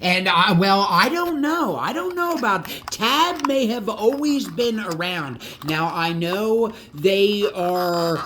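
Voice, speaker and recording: Enthusiastic but halting, this man presents his diecast model car collection in a casual vlog, stuttering at times and frequently repeating words or starting over. His voice is high, lively, bright and forceful, with a little hiss or hum in the recording.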